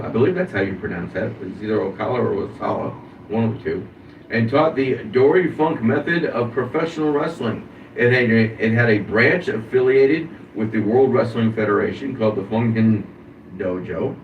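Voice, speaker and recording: A man talks through a wrestler's life on a casual podcast. He reads the recap and breaks off for asides. His voice sits at a middle pitch and comes from a dull, distant mic with faint hiss in a roomy space. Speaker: podcast host.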